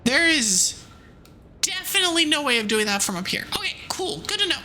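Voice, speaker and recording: Bright, high-pitched cute anime-style woman streamer. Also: big pitch swings, fairly quick, a little hiss or hum. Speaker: streamer, VTuber. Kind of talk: livestream game commentary, chatting to viewers.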